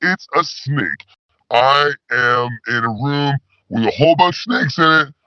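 A man playing a rambling, slang-talking male spy who calls in with his voice pitched down. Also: expressive, unhurried, bright, forceful tone, no room sound. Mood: laid-back. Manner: stoner slang, rambling, laid-back. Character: slacker male spy caller with disguised voice. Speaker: caller. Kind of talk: comedy call-in sketch. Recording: dull lo-fi phone call.

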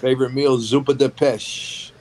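A middle-aged Pennsylvania man, a guest in a casual interview, chats in an easygoing, relaxed way and often ends his phrases with "man." His pitch is medium and his speed normal, with noise in the background.

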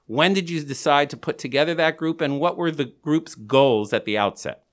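A man's voice: fairly high pitch, normal speed, fairly bright tone. A man hosting a podcast and interviewing, his voice slightly muffled by a face mask. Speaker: podcast host. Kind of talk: scripted podcast introduction and interviewing. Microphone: podcast microphone, through a face mask.

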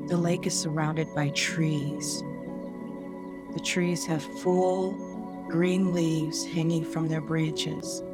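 A woman podcast host narrating a guided meditation like a sleep story, soothing and unhurried, leaving pauses between short phrases. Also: low-pitched. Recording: new-age music behind the voice. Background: calm new-age music.

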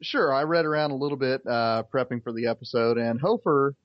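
A man's voice: mid-range voice, a little fast, dry recording. A man co-hosting a casual podcast chat, on a slightly dull recording. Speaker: podcast co-host; English professor. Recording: dull lo-fi podcast audio, very dry.

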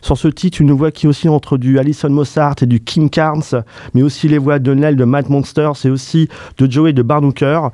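A male radio host gushes over an album, piling up superlatives and stumbling through fillers. His voice is mellow and warm, and the studio sound is dry and close. He talks in the relaxed manner of an enthusiastic music review chat. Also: on the high side, moderate pace, no echo. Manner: effusive, repeats praise words, many fillers.

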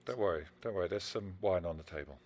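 An actor playing an ordinary, attentive husband in a naturalistic drama, soothing and slightly hesitant. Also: male voice, low voice, quick pace, very noisy, lightly acted. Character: attentive, placating husband, an ordinary office worker.

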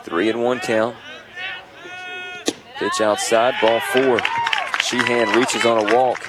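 A man's voice: mid-range voice, little pitch movement, slow pace. A man giving live baseball play-by-play in short, clipped descriptive calls. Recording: outdoor ballpark with clear crowd noise. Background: ballpark crowd.

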